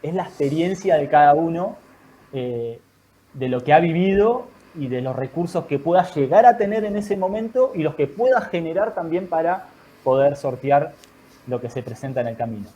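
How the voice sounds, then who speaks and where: A man, a guest in an online talk, giving calm, thoughtful advice in measured explanatory phrases. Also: on the high side. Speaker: guest speaker.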